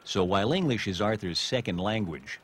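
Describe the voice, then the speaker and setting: A man hosting a science documentary, narrating in a measured, explanatory way. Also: fairly low pitch, animated. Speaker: documentary host. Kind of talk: scripted narration and interview questions.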